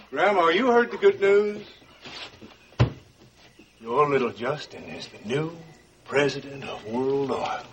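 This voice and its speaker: An actor playing a smug, gloating grandson in a television soap drama, mocking and laughing. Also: male voice, medium pitch, expressive, slow, long pauses, noisy background.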